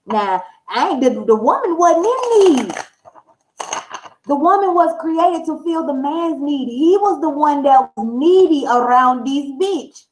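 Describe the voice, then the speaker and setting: This American tarot channel host speaks in a high, expressive voice at a measured pace over slight background noise on a low-quality recording. Addressing viewers casually, she gets candid and emphatic, using salty slang and acting out dialogue as she tells her stories.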